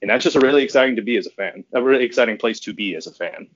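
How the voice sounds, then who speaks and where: A man's voice: medium pitch, very fast. Male podcast guest, giddy and rambling, dull audio. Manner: rambling and giddy, with frequent restarts and laughs. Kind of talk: casual sports podcast chat.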